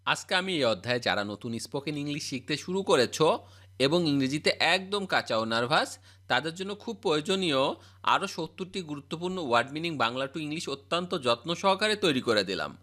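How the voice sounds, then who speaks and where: Bright, lively male teacher. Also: on the high side. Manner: repetitive word-and-meaning recital. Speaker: spoken English teacher. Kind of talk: scripted vocabulary drill.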